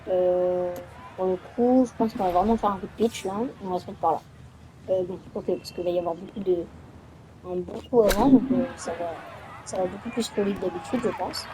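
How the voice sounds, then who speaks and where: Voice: mid-range voice, brisk, background noise. A gaming video host giving casual let's-play commentary, thinking aloud while playing.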